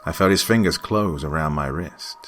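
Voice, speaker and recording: A man with a very low voice narrates a horror story. His delivery is hushed and creeping, sinking toward whispers. Music plays clearly behind him. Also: normal speed.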